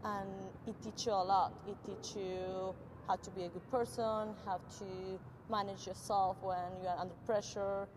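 Speaking at a moderate pace with few pauses, this young woman from Argentina uses a mid-range, level voice. In her role as a tennis coach fielding interview questions, her Argentine Spanish accent shows, and her simple wording contains minor grammatical errors. Long reverb and faint background noise fill the recording.

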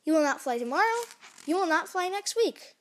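Woman putting on an insistent, high-pitched storybook elephant. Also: sing-song, moderate pace, a little hiss or hum. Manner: insistent, exclaiming. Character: doubting, emphatic male storybook elephant, anxious friend.

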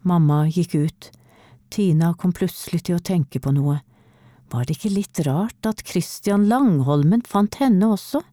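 A woman reading a children's storybook aloud in a clear, steady way. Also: lowish voice, dry recording, clean studio sound. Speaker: narrator.

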